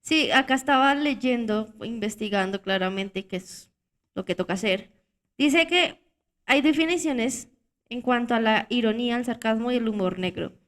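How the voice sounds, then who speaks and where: Woman co-host interjecting, higher voice. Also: moderate pace, a bit bright. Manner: interjecting, quotes scripture. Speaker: podcast co-host.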